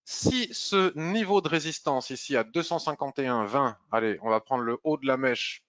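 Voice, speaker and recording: A man talks through trading charts in a loose, chatty way, often pausing with fillers. His mid-pitched voice comes through a dry, slightly dull mic with no room sound. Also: fairly bright tone, no room sound. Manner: chatty, hesitant with many "euh" fillers. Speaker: market analyst. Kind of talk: screen-share market review.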